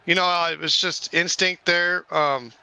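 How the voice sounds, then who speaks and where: A man who drives in an online racing league, answering post-race questions in a relaxed, halting way with many uhs. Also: fairly high pitch, vocal fry, clean tone, low-quality recording.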